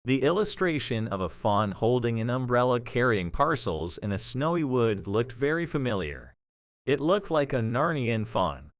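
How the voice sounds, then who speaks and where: A male voice at medium pitch narrates a scripted audio drama story at a moderate pace, using lively, wide intonation. The recording is close and dry, with no echo.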